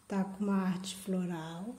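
A woman's voice: on the low side, steady tone, unhurried, dark tone. A woman hosting an orchid channel, unboxing plants in a casual vlog and gushing over each one with affection. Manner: gushing, affectionate, repeats "gente". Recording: echoey room.

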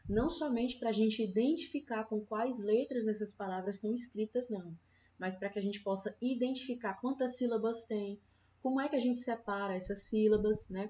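A woman's voice: mid-range voice, dark tone, slight background noise. A woman teacher with a Brazilian Portuguese accent, explaining patiently in an online lesson for children and often adding "né?". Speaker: primary school teacher. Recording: dull lo-fi sound with faint guitar.

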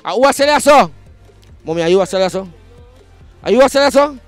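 A man's voice: very high-pitched, expressive, fast, clean tone, no echo, soft background music. A Jamaican man hosting a street vlog at an outdoor market, hyped and chanting a catchphrase. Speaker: vlog host.

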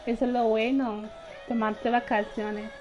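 A woman's voice: fairly high pitch, level tone, measured pace, dull audio. A young woman chatting casually while livestreaming a game, often laughing and greeting her viewers. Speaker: gaming livestreamer. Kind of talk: casual live gameplay chat. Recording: faint game music behind.

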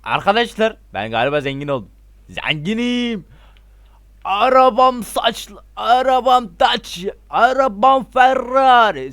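A man giving excitable, casual gameplay commentary, shouting out reactions and talking straight to his viewers as friends. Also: on the high side, clear, resonant tone, no room sound. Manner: excitable, loud exclamations and slangy swearing; talks to viewers as friends, repeats himself. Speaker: gameplay YouTuber.

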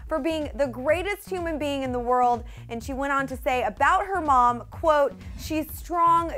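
An American woman with a high voice hosts entertainment news. Her delivery is upbeat and scripted, recorded in a studio with faint music underneath. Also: a bit bright. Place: indoor studio.

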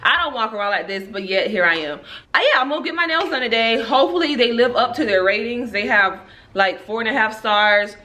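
A woman's voice: fairly high pitch, fairly quick, pushed and bright. A woman in her twenties chatting candidly to her phone camera, laughing often. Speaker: beauty vlogger. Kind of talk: casual vlog chat. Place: home living room and nail salon. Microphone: phone camera at arm's length.

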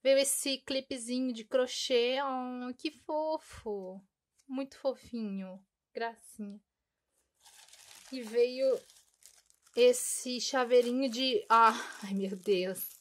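A woman's voice: a little high, fairly even intonation, slow pace. A young woman chatting through an unboxing, gushing and cooing over each cute item. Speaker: unboxing vlogger. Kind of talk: casual unboxing chat.

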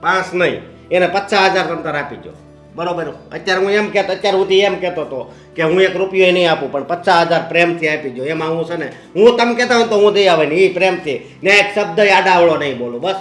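A man's voice: sits high, expressive, fast talker, fairly bright tone, faint music behind. A quarrelsome son hungry for his inheritance, as an actor plays him. He argues, and the echoey room rings around his pressing tag questions. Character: grasping son and heir, quarrelsome.

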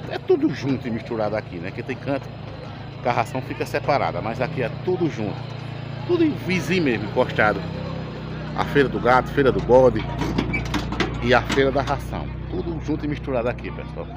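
A man's voice: medium pitch, a little fast, heavy background noise. A man with a Pernambuco accent, a vlogger giving a casual guided tour of an outdoor cattle and feed market, chatting to viewers. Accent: Pernambuco Portuguese. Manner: chatty, addresses viewers, thanks people often. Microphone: camera held by the speaker. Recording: lively crowd around outdoors.

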